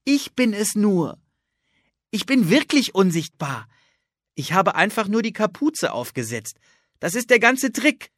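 A man voicing an imaginative, insistent young girl in a read-aloud children's story, his voice pushed well up into a bright, eager register. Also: high-pitched, measured pace, no echo, studio quality, pitched above the performer's own voice, exaggerated voice. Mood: excited. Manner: excited and insistent.

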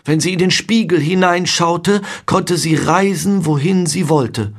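A man's voice: high voice, unhurried, pitched above the performer's own voice. A man voicing an eager ten-year-old boy. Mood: grave.

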